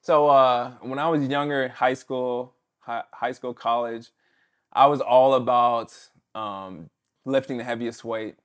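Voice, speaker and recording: A former pro football player in his thirties tells stories during a casual interview, now and then imitating his coach's shouting. His mid-range voice has fairly even intonation and a clean tone, and he talks a little slowly.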